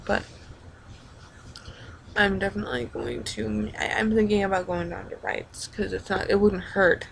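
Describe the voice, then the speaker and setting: A young woman talks to her viewers in a casual, rambling video diary. Her voice sits at an ordinary pitch with a gravelly fry. She halts and doubles back as she goes, over faint background noise. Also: low-quality recording. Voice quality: creaky vocal fry. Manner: rambling, halting, informal with frequent backtracking. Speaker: vlogger.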